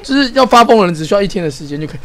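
A man, co-hosting a podcast and telling stories in casual chat, animated and exasperated, with frequent restarts. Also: sits high, rapid-fire. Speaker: podcast co-host.

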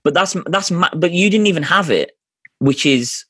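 A man's voice: on the high side, animated, moderate pace, fairly bright tone, dry recording, clean studio sound. A man in his thirties hosting a casual family chat, earnest and often restarting his sentences. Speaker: podcast host.

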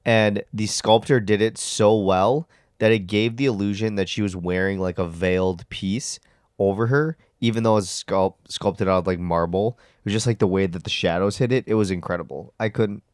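Very deep-voiced joking male co-host. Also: steady tone, normal speed, no echo, clean studio sound. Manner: joking, needling banter. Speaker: podcast co-host. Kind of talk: casual chat.

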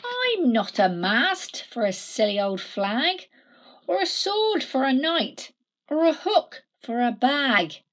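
A woman's voice: high-pitched, sing-song, slow pace, a bit bright, pitched above the performer's own voice, full character voice. A woman voicing a small, proud male stick figure in a storybook, with a sing-song, emphatic delivery. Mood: insistent.

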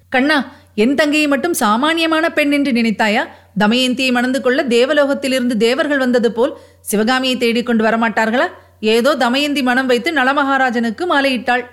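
A spirited young wife with quick, proud retorts, as a woman reading a novel aloud voices her. Her voice is high and clear. She speaks with sure, witty confidence. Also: fairly bright tone.

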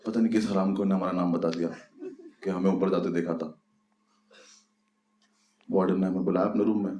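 A young adult man doing stand-up storytelling, animated and laughing through his own story. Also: low voice, a little fast, lo-fi sound. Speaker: stand-up comedian. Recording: echoey room, loud clicking noise.

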